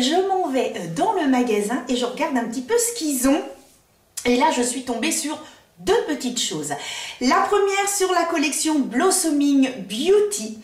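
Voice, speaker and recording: A chatty woman with a high voice reviews makeup in a casual vlog, pausing often on fillers as she thinks. The sound is roomy and carries a clear echo, and she sits some distance from the mic. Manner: chatty, frequent hesitations and fillers; switches to reading product descriptions aloud. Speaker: beauty vlogger. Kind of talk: casual product-review chat. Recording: echoey room, mic at a distance.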